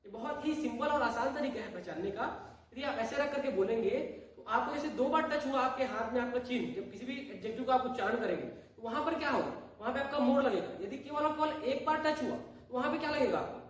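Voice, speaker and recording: A male English teacher giving a classroom grammar lesson. He keeps asking questions and answering them himself, and he repeats words slowly. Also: extremely high pitch. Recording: very echoey room, voice far from the mic.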